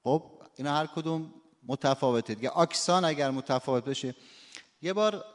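A man teaching a lesson, explaining word stress patiently and slowing down to demonstrate examples. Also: a little high. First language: Persian. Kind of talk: spoken lecture on phonetics. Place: lecture room or workshop. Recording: long hall reverb.

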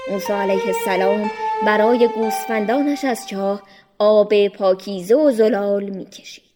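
A woman narrating a storybook for children in an expressive, measured way. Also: medium pitch, soft background music.

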